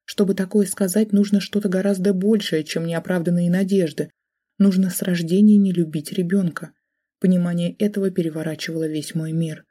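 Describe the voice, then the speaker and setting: Husky woman reading an audiobook. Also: fairly low pitch, fairly even intonation, brisk, mellow. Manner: emotional first-person storytelling. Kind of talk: audiobook narration.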